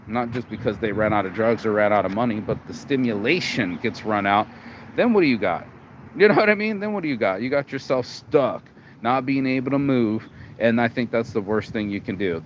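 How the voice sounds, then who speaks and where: A tired man from Las Vegas, vlogging in a casual, rambling monologue with profanity and many restarts and repeated words. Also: medium pitch. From Las Vegas, USA. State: tired, low energy. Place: outdoors in a city. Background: street and traffic noise.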